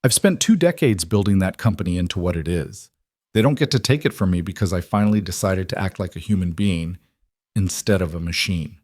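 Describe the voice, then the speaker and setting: A man's voice: deep voice, animated, a little fast, a little mellow, no room sound, studio quality. A man playing a determined, defiant grown man.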